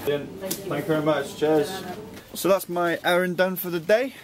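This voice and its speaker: A man's voice: sits high, steady tone, a little slow. A young man in his twenties, chatting upbeat and jokey to the camera in a casual vlog. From North Wales. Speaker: vlogger. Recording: noisy handheld vlog audio.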